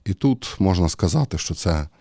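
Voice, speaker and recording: A man with a low, mellow voice preaches a homily in an easy, talky way. He stops often with fillers as he thinks aloud. The sound is close and dry, with no room echo. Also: lively intonation, brisk. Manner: conversational, hesitant with many fillers. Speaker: priest. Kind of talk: sermon.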